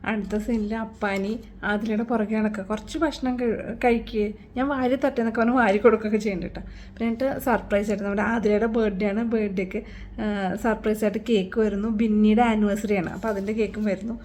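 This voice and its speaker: A woman casually recapping a reality show episode, telling it in an animated way and briefly acting out what the contestants said. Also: medium pitch, fast talker, slight background noise.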